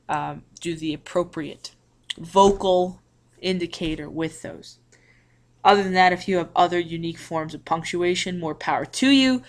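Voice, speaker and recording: A woman teacher with a fairly low voice explains a lesson to her class in a recorded video. She talks slowly and carefully and often restarts her phrases. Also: a bit bright. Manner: slow, deliberate explaining with restarts.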